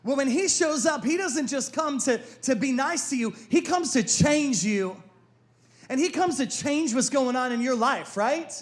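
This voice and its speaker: A man's voice: extremely high pitch, expressive, measured pace. A man who is a lead pastor, preaching a sermon with energy, repeating phrases for emphasis and calling out questions to the congregation. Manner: asks the congregation for responses.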